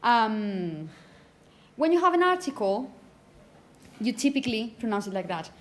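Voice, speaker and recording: In an echoey indoor classroom with some background noise, a woman phonetics teacher lectures her students. Her voice is fairly high and very animated, and she takes her time, stressing example words as she explains them and often checking that the class is following.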